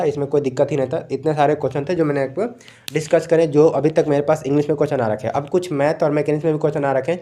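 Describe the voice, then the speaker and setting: A young man, casually going over exam questions as a coaching teacher and often repeating a filler phrase. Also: fairly high pitch. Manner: relaxed, repeats "thik hai" often, mixes in English words. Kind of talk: casual explanatory lecture.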